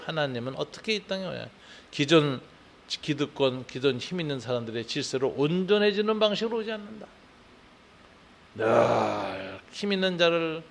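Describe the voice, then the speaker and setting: Older korean pastor, dawn sermon, chatty, keeps tossing in little questions, kinda high voice. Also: male voice. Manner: conversational preaching with frequent "어?" tags, rising to fervent emphasis. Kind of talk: early morning sermon and prayer.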